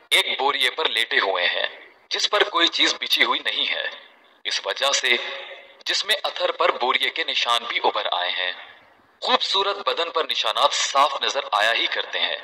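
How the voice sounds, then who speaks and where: A man narrating a religious story in a measured, formal, reverent way, adding honorifics to every name. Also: mid-range voice, bright, forceful tone. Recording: long hall reverb.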